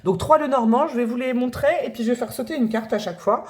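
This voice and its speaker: A woman's voice: fairly high pitch, quick pace, darkish tone. A woman hosting a tarot reading to camera, chatting in a rambling way and laughing at herself. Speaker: tarot reader and channel host.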